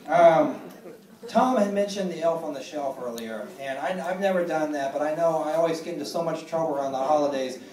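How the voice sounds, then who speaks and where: Halting deadpan stand-up comedian. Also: male voice, a little high. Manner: deadpan, self-deprecating, halting with many fillers. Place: comedy club stage. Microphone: phone recording from the audience. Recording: echoey room, mic far from stage.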